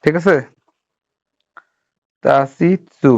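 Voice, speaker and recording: A man whose first language is Bengali teaches a Japanese writing class, patiently going through each stroke and checking that students keep up. His voice is on the high side, very slow, slightly mellow, with vocal fry. The lo-fi sound is dull.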